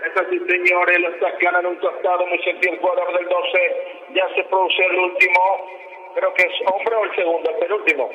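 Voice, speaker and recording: A Paraguayan man doing breakneck, excitable live radio football commentary, with drawn-out cries and repeated words. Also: high voice, narrow, tinny audio.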